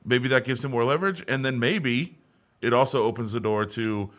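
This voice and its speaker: A man's voice: mid-range voice, normal speed, a bit bright. A man co-hosting a sports podcast, talking in a casual, conversational way with frequent restarts. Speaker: podcast co-host.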